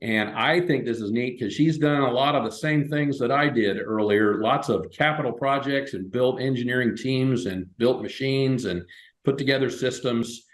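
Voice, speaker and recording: A man's voice: mid-range voice, normal speed. A man hosting a webinar, talking casually through his slides with plenty of fillers and restarts. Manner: relaxed, loose, with frequent fillers and restarts. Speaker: webinar host. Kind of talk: casual presentation over slides. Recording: echoey room.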